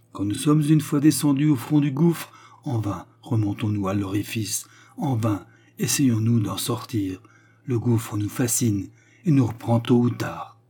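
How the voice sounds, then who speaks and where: A man's voice: medium pitch, warm tone, breathy edge. A man reading a novel aloud and voicing a fierce, hard-handed young courtesan who speaks in clipped, jerky bursts. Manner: clipped, jerky, metallic speech. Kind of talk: audiobook character reading.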